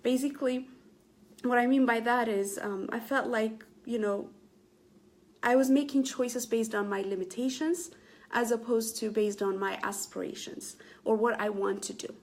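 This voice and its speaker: Earnest chatty woman, slightly high voice. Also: steady tone, normal speed. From Ethiopia. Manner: chatty, earnest, many fillers and restarts. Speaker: Facebook Live motivational host. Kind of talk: casual live-stream talk to viewers.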